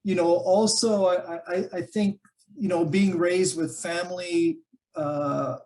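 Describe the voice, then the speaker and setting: A chatty male interview guest from Canada, whose first language is Calabrese Italian dialect, has a gravelly yet high voice that's steady, slow and a little mellow. He thinks aloud with many fillers and restarts. The relaxed conversational interview happens over a video call.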